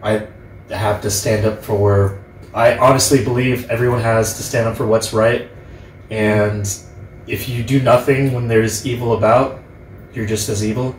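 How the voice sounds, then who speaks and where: A young man in his twenties chatting casually as host, earnest and halting in the way he talks. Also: fairly low pitch, fairly even intonation. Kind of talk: casual group chat. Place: living room, on a couch. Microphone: distant camera microphone. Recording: roomy, distant camera mic, background noise.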